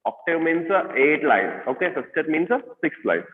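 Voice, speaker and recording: A man with an Indian English accent teaching an online class, explaining slowly with many fillers and questions to his students. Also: on the high side, very animated. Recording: echoey room, tinny phone-like sound.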